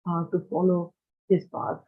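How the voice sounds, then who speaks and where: An awards ceremony host gives a formal stage introduction, earnest and halting as they read out a long list of honours. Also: medium pitch, monotone. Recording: tinny phone-like sound.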